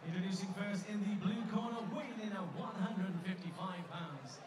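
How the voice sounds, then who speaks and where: High-pitched male ring announcer over loud noise. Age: middle-aged. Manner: drawn-out, emphatic calling of names. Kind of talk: boxing ring announcer delivery, formal fight introductions. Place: cage in a dark event arena. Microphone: handheld microphone.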